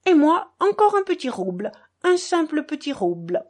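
A woman reading a novel aloud, voicing a fawning little old man with a high, simpering sing-song. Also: big pitch swings, moderate pace. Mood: giddy.

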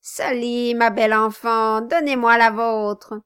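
A bullying male dwarf barks and sneers in a raised, high-set voice, as a woman reader puts him on. He is domineering and scheming, in a dry, close storybook recording. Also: fairly even intonation, takes it slowly, clear, resonant tone, no room sound. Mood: scornful. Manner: loud, mocking, bullying. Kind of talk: audiobook character reading.

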